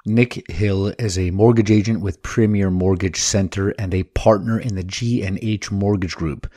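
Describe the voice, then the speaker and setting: A man's voice: low-pitched, steady tone, normal speed, mellow, no echo, clean studio sound. A man reading a scripted legal disclaimer for a podcast.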